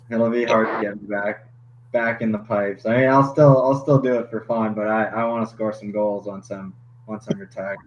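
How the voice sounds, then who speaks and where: A young man, a hockey goalie guest on a podcast, chatting casually and laughing often, with halting restarts. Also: fairly low pitch, steady tone. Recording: slightly dull podcast audio with faint noise.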